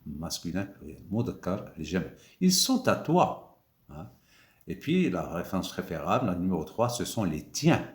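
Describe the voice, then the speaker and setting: A man's voice: low voice, expressive, moderate pace, echoey room. A man teaching French grammar, repeating key words with emphatic rises and mixing in Arabic glosses. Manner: switches between French and Moroccan Arabic glosses. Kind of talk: grammar lesson explaining examples.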